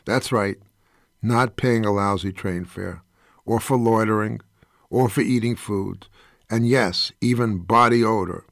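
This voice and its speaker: A man's voice: fairly low pitch, unhurried, gravelly, no echo, clean studio sound. Impassioned older man reading his essay. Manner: impassioned, indignant storytelling.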